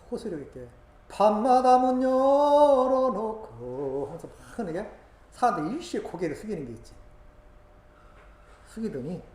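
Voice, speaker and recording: Woman, preacher, emotional testimony sermon, lively swooping pitch, echoing room. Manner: emotional storytelling that swings from hushed asides to loud exclamations. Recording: roomy echo, faint background noise.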